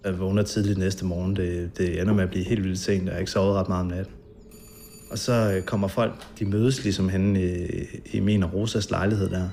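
Man, documentary interview, hesitant storytelling, lots of fillers, gravelly, lowish voice. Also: little pitch movement, dark tone, a little hiss or hum. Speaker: interviewee recalling a past night. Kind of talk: documentary interview, casual recounting.

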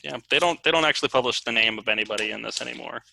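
Bright, gravelly man joking on a podcast. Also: medium pitch, racing, slight background noise, poor audio. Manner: jokey, laughs often, self-deprecating. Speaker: podcast co-host. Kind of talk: casual podcast chat.

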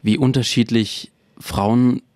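A man's voice: mid-range voice, steady tone, takes it slowly, darkish tone, dry recording, clean studio sound. A man in his twenties co-hosting a podcast, chatting casually and frankly, laughing often. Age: 20s. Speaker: podcast co-host.

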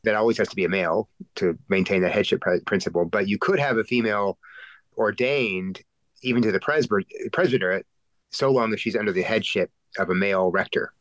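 Low-voiced man explaining theology, halting. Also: fairly bright tone, no echo, low-quality recording. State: sick. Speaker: podcast co-host and Anglican pastor. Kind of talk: conversational theological discussion.

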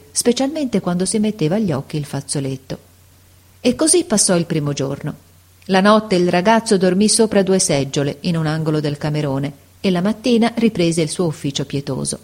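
Woman narrator, low-ish voice, measured, sorrowful, audiobook reading. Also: a little mellow. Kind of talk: audiobook reading of a classic story.

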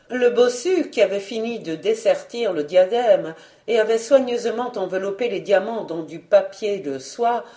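A woman's voice: mid-range voice, mellow. A woman reading a novel aloud as an audiobook narrator, with dramatic storytelling. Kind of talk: scripted narration.

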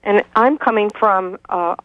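A woman's voice: mid-range voice, a little slow, fairly bright tone, no echo. A woman in her sixties calling in to a radio show over a clipped telephone line, insistent and lecturing, with frequent hesitations. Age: 60s. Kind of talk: call-in radio talk.

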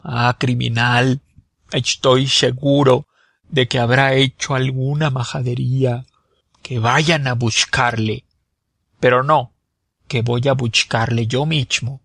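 A man's voice: medium pitch, level tone, takes it slowly, creaky, a bit bright, dry recording, studio quality, heavily acted. A man doing a nasal, lisping old notary. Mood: furious. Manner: indignant, blustering. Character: flustered rich older male notary with a head cold.

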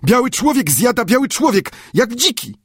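A man voicing an eager, excitable young male islander servant who exclaims in broken, simple speech. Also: very high voice, normal speed, breathy edge, dry recording, clean studio sound, voice pushed up, full character voice. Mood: excited.

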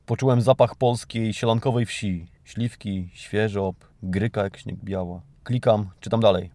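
A Polish man hosts a podcast, reading out news items and mocking them in a satirical scripted monologue with ironic, theatrical, mock-grandiose flair. His voice sits fairly low and is warm and steady, and he takes his time. The recording is dry, with no room sound.

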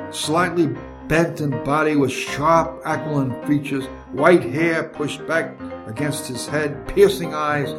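Older man reading his memoir. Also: a little high. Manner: measured, reflective reading. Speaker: narrator of his own memoir. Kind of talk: scripted memoir narration.

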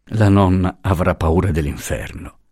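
A man voicing a cold, grieving young mother who speaks with flat, icy contempt, in a dry audiobook reading. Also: low-pitched, unhurried, breathy edge, dry recording.

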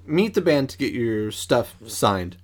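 Man co-host, casual home podcast, mid-pitch voice, halting delivery with many ums and self-corrections, chatty storyteller. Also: big pitch swings. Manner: hesitant storyteller, full of ums and restarts. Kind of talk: casual chat. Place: at a table at home.

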